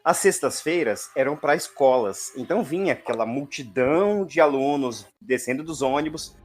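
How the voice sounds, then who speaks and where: A man's voice: medium pitch, animated, moderate pace, darkish tone, faint music behind. A man in a casual podcast chat who throws in joking, theatrical remarks and recalls old gaming events. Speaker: podcast participant.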